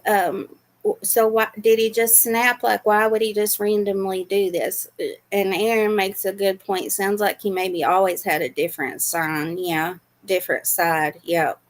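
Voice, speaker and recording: A woman hosting a livestream, chatting casually and sympathetically with viewers, with many fillers and asides as she reads chat aloud. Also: medium pitch. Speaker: livestream host reacting to news.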